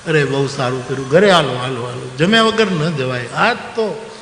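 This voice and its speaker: A man's voice: on the high side, big pitch swings, slow, creaky, fairly bright tone, slight background noise, full character voice. An eager village husband presses his friends to come and eat, played by a male storyteller. He talks in an insistent, inviting way, and the sound echoes through a roomy hall with a long reverb. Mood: insistent welcome. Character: eager hospitable village husband, grown man.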